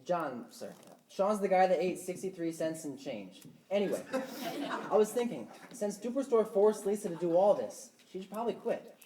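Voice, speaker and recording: An over-keen young clerk, played by a woman, talks in a lower, mellow voice with a lot of swing. The stage is roomy and echoing. He is heard from a distance. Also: expressive, moderate pace, slight background noise, close to an everyday voice. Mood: eager. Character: eager goofy young male store clerk. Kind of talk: student stage play. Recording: echoey stage from far off.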